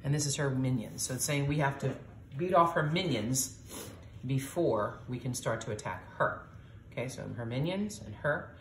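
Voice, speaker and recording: A low-pitched woman, middle-aged, chatting casually to viewers as she plays a board game at home and talks through each rule. Her voice sits in a roomy space with a faint hiss behind it. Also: animated, normal speed. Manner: explains rules aloud, chatty, reacts with little exclamations. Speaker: host playing a board game with her daughter.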